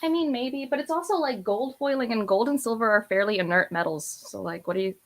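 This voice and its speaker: A book vlogger in her thirties, part of a read-along panel, is a fast talker with a fairly high pitch, and a little hiss or hum runs under the audio. Her book chat is casual, emphatic, rambling and opinionated.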